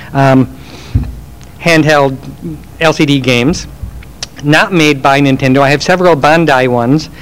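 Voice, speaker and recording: A man's voice: on the high side, clean tone, poor audio. A man telling rambling, self-deprecating stories while taking audience questions at a live event. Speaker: game industry speaker. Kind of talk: live Q&A storytelling.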